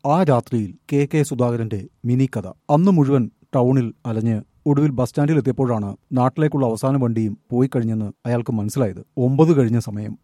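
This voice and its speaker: A man reads a short story aloud in calm, measured narration. His voice is very dark and mellow, and the recording is dry and close-miked. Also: medium pitch, dry recording. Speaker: story reader.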